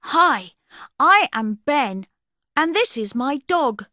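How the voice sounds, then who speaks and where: A woman voicing cheerful young schoolchildren in children's coursebook audio, speaking simply and slowly, as if reading to a toddler. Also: sits high, big pitch swings, bright, forceful tone, no echo, clean studio sound, exaggerated voice. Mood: cheerful, eager. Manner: slow, simple, clearly spaced delivery, as if reading to a toddler. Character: cheerful young schoolchildren showing off their toys.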